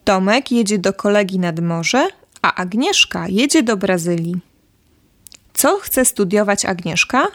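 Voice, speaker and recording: Slow, careful female lesson reader, dry recording. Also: medium pitch, animated, fairly bright tone, dry recording. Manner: careful, clearly enunciated teaching delivery. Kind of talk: scripted lesson dialogue and vocabulary drill.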